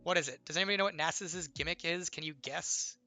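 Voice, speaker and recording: With soft music in the background, a young man who makes games fields questions from his stream audience, his talk meandering and full of "like" and "right?" along with some playful teasing. He speaks a little high and fast, sharp in tone, his voice slightly strained by illness.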